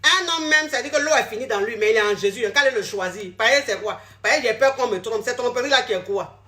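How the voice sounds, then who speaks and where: High bright-voiced woman, blunt and scolding, repeats herself a lot. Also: fast talker. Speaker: relationship coach. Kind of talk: direct-to-camera social media talk.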